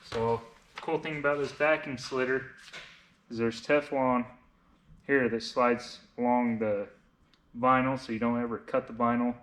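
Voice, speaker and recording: A man's voice: medium pitch, fairly even intonation, unhurried, fairly bright tone. A man in his thirties with a slight lisp from braces, casually narrating a hands-on tutorial step by step as he works. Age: 30s. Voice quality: slightly lisping speech from wearing braces. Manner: informal, explains each step as he works. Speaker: vinyl wrap installer, presenter of a how-to video. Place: indoors in a garage workshop. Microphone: camera on a tripod, a short distance away. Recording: echoey garage with clear background noise, clicks.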